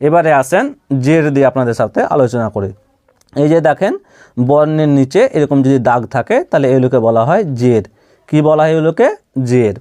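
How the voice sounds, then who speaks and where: একজন পুরুষ শিক্ষক ধীরে ধীরে অক্ষর ধরে ধরে আরবি উচ্চারণ শেখাচ্ছেন, প্রতিটি শব্দ তিনবার করে পুনরাবৃত্তি করছেন এবং দর্শকদের দ্বীনি ভাই বলে সম্বোধন করছেন।. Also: male voice, medium pitch, fairly quick, mellow. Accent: Bangladeshi Bengali. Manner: drills letter by letter, repeating each word three times; addresses viewers as religious brothers. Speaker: Quran reading teacher. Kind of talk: slow spelled-out recitation lesson.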